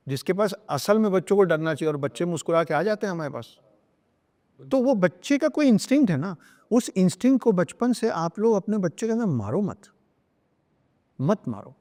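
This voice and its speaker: A man talking earnestly as a podcast guest, hammering his points home with repeated phrases and bits of English. His voice sits a little high but sounds dark and mellow. A long reverb trails after his words. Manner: emphatic, lecturing, repeats phrases and slips into English. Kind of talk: earnest podcast talk on spirituality and parenting.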